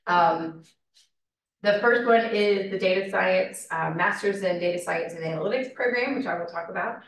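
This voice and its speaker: A hoarse woman, her voice half gone, talks through a presentation in a chatty, filler-heavy way. She is heard from well back in a very echoey classroom, the sound bouncing off the walls. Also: lowish voice, normal speed. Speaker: program director presenting. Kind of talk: informal presentation. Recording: echoey room from far off.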